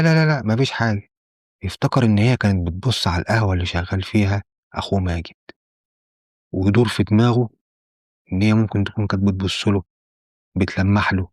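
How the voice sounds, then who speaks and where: Fast Egyptian male storyteller, dry close sound, acts out every character in the tale. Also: a little mellow, no room sound. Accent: Egyptian Arabic. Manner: acts out each character's lines with shifting pitch. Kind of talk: dramatic crime storytelling.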